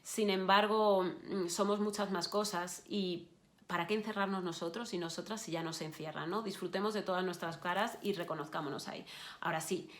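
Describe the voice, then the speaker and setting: Low-voiced woman. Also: fairly even intonation, moderate pace. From Spain. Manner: encouraging, addresses listeners directly, frequent restarts and fillers. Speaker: journalist giving an online course session. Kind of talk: online course talk to students.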